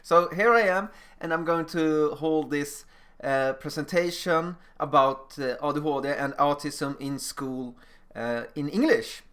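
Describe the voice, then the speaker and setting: A Swedish middle school teacher, a man with a Swedish accent, gives an informal recorded presentation full of personal stories. As a non-native speaker, his phrasing is plain and slightly non-fluent. His voice runs somewhat high and fairly bright, and he talks a little slowly.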